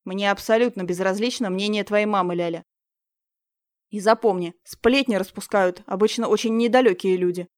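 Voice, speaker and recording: A woman's voice: medium pitch, moderate pace, a little mellow, no echo, studio quality, close to an everyday voice. A woman reading an audiobook, voicing a strict young choir teacher who scolds her pupils firmly. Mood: stern. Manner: stern, scolding.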